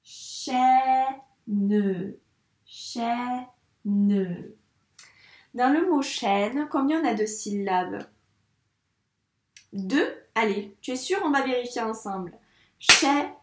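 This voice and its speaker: A fairly high-voiced woman teacher guides young children through handwriting, slow and encouraging, talking straight to the child. Her voice sounds a little distant from the mic. It echoes around the room. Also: lively intonation. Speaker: primary school teacher.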